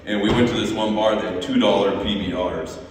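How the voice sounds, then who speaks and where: A man's voice: on the low side, fairly even intonation, brisk, background noise. A man from Montana giving a memorial tribute as a former assistant coach, telling anecdotes with chuckles and frequent restarts. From Montana, USA. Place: large echoey hall at a memorial service. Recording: echoey hall, voice from far off.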